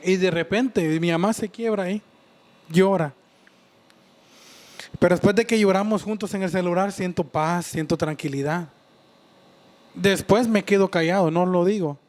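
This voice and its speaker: A man giving an earnest, halting personal faith testimony, often restarting and repeating himself. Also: sits high, a little mellow. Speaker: church member giving testimony.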